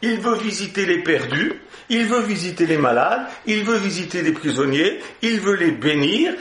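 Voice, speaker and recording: A man's voice: high-pitched, lively intonation, normal speed, a bit bright. A man preaching an Easter sermon, exhorting his listeners and breaking into joking asides. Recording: roomy hall echo.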